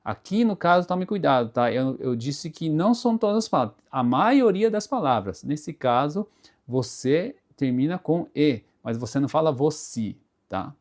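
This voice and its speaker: A man's voice: a little high, expressive, a little mellow. A man with a Brazilian Portuguese accent giving a casual spoken pronunciation lesson, explaining patiently with repeated examples and frequent checks like "right?". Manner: explains slowly with many tag questions and repeated examples. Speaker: Portuguese teacher.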